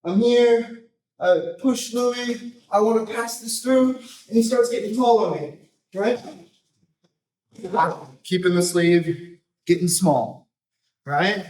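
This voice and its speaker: A man coaching a jiu-jitsu technique, explaining casually in short, choppy phrases and often checking in with a quick tag question. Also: sits high, darkish tone. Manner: informal, choppy phrases with repeated tag "right?". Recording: roomy echo, distant microphone.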